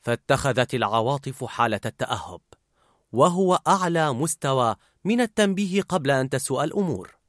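A man narrating a story in an expressive, animated way. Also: mid-range voice, fairly quick, dry recording, studio quality.

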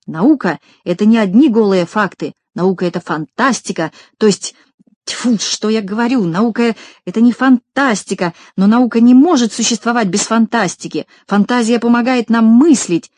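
A woman voicing a clever, proud little male scientist from a storybook, who talks in loud, self-reproaching exclamations. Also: fairly low pitch, normal speed, slightly rough, no echo. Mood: shouting, insistent. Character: small male shorty scientist, clever, proud, easily vexed.

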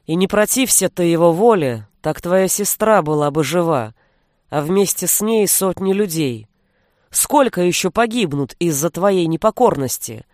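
A woman's voice: lowish voice, animated, moderate pace, darkish tone, dry recording, natural voice. A woman reading an audiobook, voicing a stern old man, a grandfather and sorcerer, with a dry, commanding manner. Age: older.

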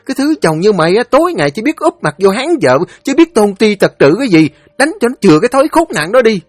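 A woman's voice: mid-range voice, sing-song, fast talker, no room sound, voice pushed up. A man voicing a fierce unmarried older sister, berating harshly. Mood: furious.

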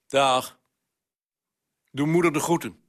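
An actor playing a weary, laconic husband who answers in short, dry replies in a radio drama. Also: male voice, a little high, fairly even intonation, slow. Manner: terse, dry, curt replies. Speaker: husband, office worker.

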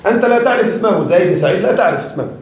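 A man teaching Arabic grammar to a class, lively and quizzing his students with constant questions. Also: sits high, rapid-fire, vocal fry, heavy reverb, slight background noise. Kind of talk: classroom lesson.

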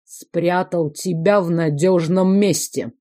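A woman's voice: on the low side, unhurried, warm tone. A woman voicing a stern, sarcastic young male minister from a fantasy audiobook, speaking in dry, stern tones.

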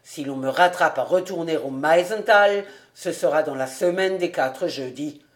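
A reader doing a quiet young bachelor. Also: mid-range voice, moderate pace, natural voice. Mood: calm. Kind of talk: audiobook character reading.

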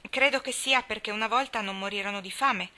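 A woman's voice: medium pitch, fairly quick, bright, forceful tone, lightly acted. A woman reading aloud and voicing an earnest older boy in a storybook.

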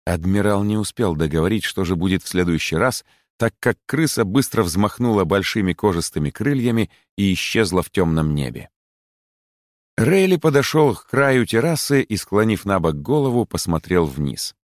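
A man narrating an audiobook story in an expressive, measured way. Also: on the low side, no room sound, clean studio sound.

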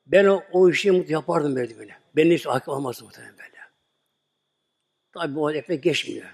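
A man's voice: on the high side, fast, vocal fry, a little mellow, husky, big-room sound. A man preaching a sermon, earnestly telling a religious story and acting out its dialogue for the congregation.

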